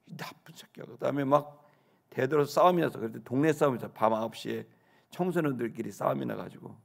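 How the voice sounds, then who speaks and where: A middle-aged man telling a childhood story, acting out the quotes with sudden shouts and hushed asides. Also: medium pitch, quick pace, gravelly. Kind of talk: animated storytelling.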